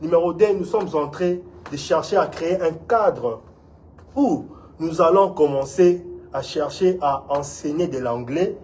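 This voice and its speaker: A man's voice: a little high, measured pace, a little mellow, slight background noise. A man from Congo, an instructor giving an earnest, encouraging community talk in an interview. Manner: earnest, encouraging, often asks "vous voyez?".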